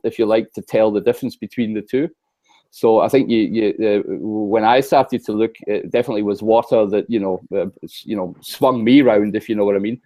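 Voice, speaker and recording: A man from the west coast of Scotland talks in a halting, searching way on a video call. His voice is mellow and warm, and the sound is close and dry. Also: fairly low pitch, dry recording. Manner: hesitant, many fillers and restarts. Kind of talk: casual discussion on a video call.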